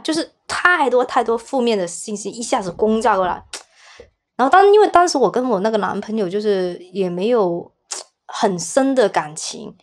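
A young woman telling a personal story as a podcast guest, speaking hesitantly, often repeating words and restarting her sentences. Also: mid-range voice. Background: soft background music.

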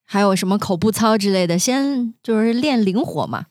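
A woman's voice: medium pitch, animated, moderate pace, darkish tone, no echo, studio quality. A woman from Xinjiang co-hosting a casual podcast, explaining things with a trained broadcaster's delivery. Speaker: podcast co-host. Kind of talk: casual chat.

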